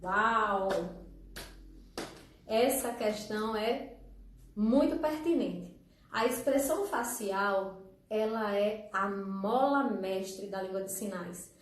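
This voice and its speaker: A woman's voice: medium pitch, slow pace, slight background noise. A woman hosting a casual live stream as a teacher. She is chatty, laughs often and talks straight to her viewers. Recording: echoey room, far from the mic.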